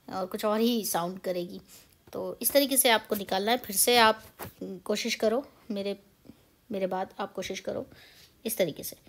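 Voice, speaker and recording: एक युवा भारतीय महिला, भारतीय लहजे में, हिंदी और अंग्रेज़ी मिलाकर, धैर्य से उच्चारण का पाठ बातचीत के अंदाज़ में समझाती है।. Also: female voice, mid-range voice. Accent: Indian English. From India. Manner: chatty, mixes Hindi and English, explains patiently. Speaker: pronunciation teacher. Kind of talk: casual spoken lesson.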